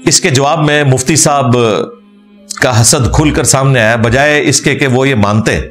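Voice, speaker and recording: A man's voice: medium pitch, moderate pace, fairly bright tone, soft background music. A man giving argumentative religious commentary, answering a cleric with sarcasm and rhetorical questions. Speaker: religious speaker rebutting a cleric.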